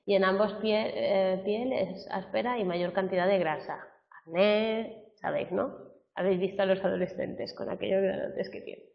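A woman's voice: mid-range voice, moderate pace, gravelly. Woman lecturing a class, heard from afar. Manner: chatty, peppers sentences with "¿vale?" tags. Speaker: teacher. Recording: roomy classroom, far from a dull mic.

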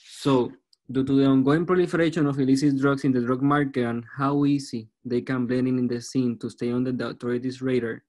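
Puerto Rican man, flat delivery. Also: mid-range voice. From Puerto Rico. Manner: halting, repeats words as he goes. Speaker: student researcher presenting. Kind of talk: academic poster presentation. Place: online video call.

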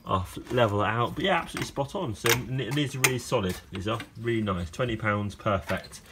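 A man with a voice on the low side talks fast in a very noisy recording. He's a car owner vlogger making a casual how-to vlog in an outdoor garage yard, filming on a handheld phone camera while rambling with fillers and restarts.

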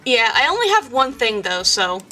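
A high-pitched woman talks through a voice changer that morphs her sound, chatting and giggling like a casual streamer. Faint music plays behind her. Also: very animated, normal speed, sharp tone, low-quality recording. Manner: giggly, joking, lots of filler words. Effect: voice changer with a slight delay.

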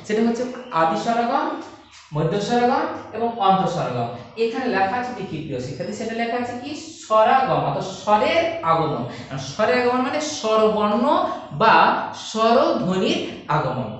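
A man's voice: high-pitched, big pitch swings, normal speed. A male teacher giving an online lesson at a board, explaining step by step and asking rhetorical questions. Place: classroom with a board. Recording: echoey room, far from the mic.

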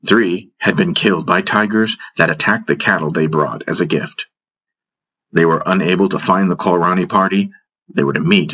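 A man narrating a fantasy audiobook in first person, steady and measured. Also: low-pitched.

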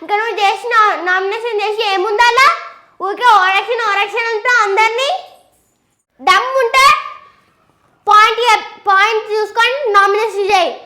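A child arguing quickly and indignantly in a playful staged reality-show skit. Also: very high-pitched, fairly even intonation, bright, forceful tone, echoey room. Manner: quick and indignant, protests a lot. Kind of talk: playful argument.

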